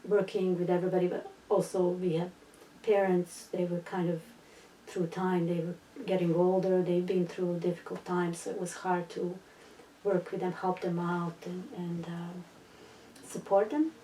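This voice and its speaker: A middle-aged woman from Bosnia, speaking as a second-language English speaker, telling her personal story in an interview with many pauses, fillers and restarts. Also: on the low side, little pitch movement, dark tone, slight background noise. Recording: roomy, distant mic, faint ambience.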